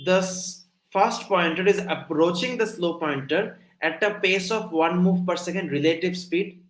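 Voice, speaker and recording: A man's voice: high-pitched, a little slow, echoey room, low-quality recording. A young man giving a live online coding lecture, explaining step by step and often checking whether listeners follow. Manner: explanatory, asks frequent check-in questions. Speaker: coding instructor.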